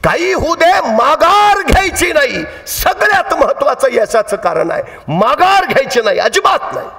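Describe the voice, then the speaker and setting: High-voiced male orator in an echoey hall. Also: very animated, moderate pace, gravelly. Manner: dramatic, swings between hushed and shouted emphasis. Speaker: public orator. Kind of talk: motivational public lecture with storytelling.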